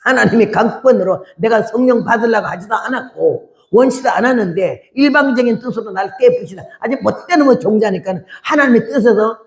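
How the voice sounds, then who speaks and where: A woman in her eighties, a missionary, giving an animated testimony sermon and acting out the voices in her story. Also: fairly high pitch, fairly quick, few pauses. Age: 80s.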